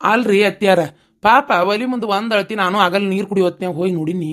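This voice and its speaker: A woman voicing a sharp-tongued young daughter-in-law with a North Karnataka accent, talking back quickly. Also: mid-range voice, pitched below the performer's own voice, close to an everyday voice. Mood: retorting. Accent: North Karnataka Kannada.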